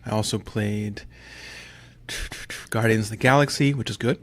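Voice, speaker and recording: A man co-hosting a podcast, chatting casually and telling excitable stories with loud outbursts. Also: lowish voice, normal speed, no room sound. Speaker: podcast co-host.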